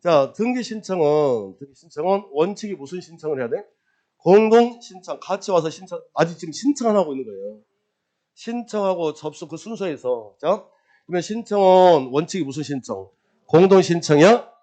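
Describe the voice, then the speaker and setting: A middle-aged man lecturing on property registration law, quizzing his class with rapid questions and answering them himself. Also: fairly high pitch. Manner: lively, quizzing, drills with repeated questions and answers. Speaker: real estate law exam lecturer.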